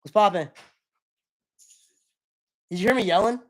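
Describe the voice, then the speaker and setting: A man's voice: sits high, unhurried. Rambling young man chatting on stream. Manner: loose, rambling, apologetic, slangy. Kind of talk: casual live-stream chat.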